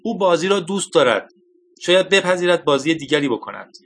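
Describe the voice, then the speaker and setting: An eager young male computer whiz in an audiobook offers an idea, his voice lifted higher, as a male narrator reads him. The tone is bright. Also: expressive, a little hiss or hum. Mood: hopeful.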